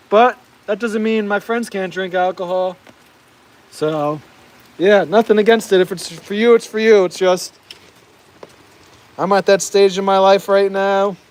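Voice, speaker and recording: Out in the rain, an American vlogger with a fairly high voice reads his live chat and chats loosely with viewers. He laughs a lot and keeps stumbling over words as steady rainfall sounds behind him.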